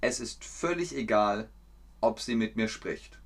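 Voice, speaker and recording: Slow, lively German teacher man. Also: on the low side. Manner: slow, clear, repetitive teaching with frequent laughs; chats with viewers. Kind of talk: livestream language lesson.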